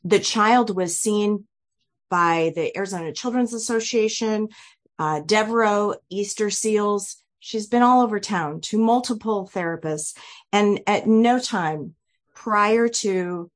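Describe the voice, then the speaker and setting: A woman attorney giving a formal, measured and assertive statement at a remote hearing over a video call. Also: mid-range voice.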